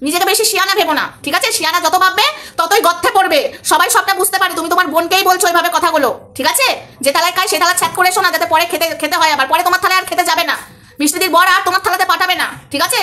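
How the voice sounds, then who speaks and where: Very high-pitched, rapid-fire scolding woman. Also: fairly even intonation, pushed and bright. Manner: scolding, rhetorical questions, repeats points. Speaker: vlogger host. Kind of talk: ranting commentary vlog.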